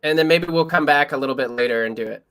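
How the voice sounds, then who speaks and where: A man's voice: on the high side, fast, a bit bright. A young man co-hosting a casual history livestream, reading quotes and chat comments.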